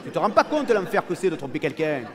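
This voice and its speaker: A man playing a cocky, high-voiced cheating husband. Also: quick pace, a faint crowd. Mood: boastful. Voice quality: cocky, excitable, talks over an unheard partner. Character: brash boastful cheating husband, adult man. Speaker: comedian. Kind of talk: live stand-up character monologue.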